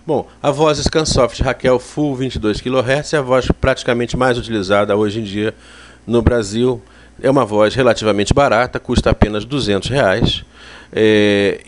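A man with a Brazilian accent giving a spoken software tutorial in a conversational, explanatory way. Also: lowish voice, slight background noise. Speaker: software instructor.

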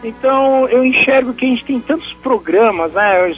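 A man's voice: extremely high pitch, normal speed, faint music behind. A man calling a radio show over the phone, talking hesitantly and tagging his phrases with questions. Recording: muffled phone line.

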